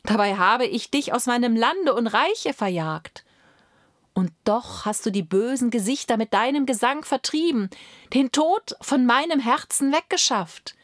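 A woman's voice: on the high side, animated, measured pace, no echo, studio quality, voice pushed up. A woman voicing a dying old male emperor who begs desperately and cries out in panic. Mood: grateful. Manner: crying out in panic, begging.

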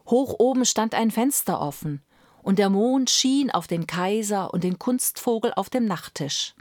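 A woman reading a fairy tale aloud, dramatic and measured, sometimes dropping to a whisper. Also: lowish voice, a little mellow, no echo, clean studio sound. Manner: slow, dramatic, drops to whispers. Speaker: storyteller.

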